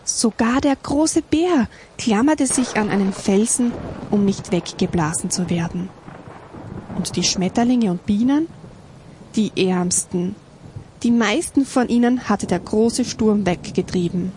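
A woman reading a children's story aloud at a slow, expressive pace. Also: mid-range voice, a little hiss or hum.

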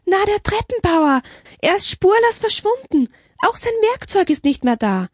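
A woman's voice: medium pitch, very animated, moderate pace, slightly rough, no echo, clean studio sound. A woman voicing a talkative young nun in a storybook, chattering and wide-eyed. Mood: upset.

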